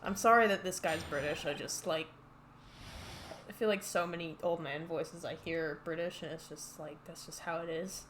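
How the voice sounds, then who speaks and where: A woman's voice: deep voice, normal speed, background noise. A woman streaming a game with casual commentary, hesitantly thinking aloud as she goes.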